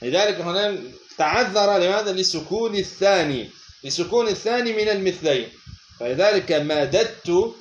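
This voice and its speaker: A man giving a lesson on a grammar text, asking questions and then answering them himself, repeating words slowly. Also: sits high, animated, reverberant, highs cut off, slight background noise. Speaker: teacher of Arabic morphology.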